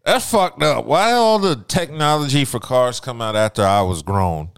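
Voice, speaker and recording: A young adult man co-hosting a podcast in casual chat, telling stories in an animated, profane way. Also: medium pitch, moderate pace, vocal fry, smooth, no echo, clean studio sound. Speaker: podcast co-host.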